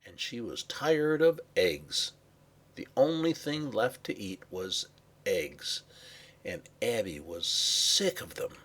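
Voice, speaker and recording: A man reading a children's story aloud with expressive, varied pacing and some hushed passages. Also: lowish voice, slow. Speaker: narrator.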